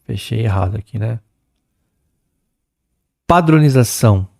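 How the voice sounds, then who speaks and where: A middle-aged Brazilian man runs a chatty exam-prep English lesson, slowing down whenever he reads English text aloud. His voice is mellow and gravelly with a lot of fry. The recording is close and dry. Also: medium pitch, no room sound. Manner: lively, chatty, talks to students, reads English aloud slowly. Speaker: English teacher.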